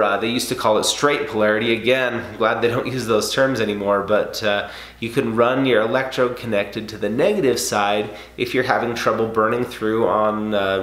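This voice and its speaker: Seated in a home garage workshop with roomy echo, a welding instructor in his thirties explains welding casually and conversationally, using frequent fillers. His voice is lowish and a bit bright.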